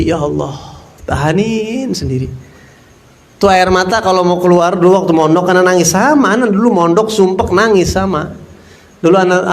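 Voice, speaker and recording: A man, his voice sitting a little higher than most men's, tells stories from the pulpit. His delivery is loose and conversational, and he slips into the voices of the people he quotes. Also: slight background noise. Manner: casual, colloquial, acts out quoted voices. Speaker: preacher. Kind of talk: storytelling sermon.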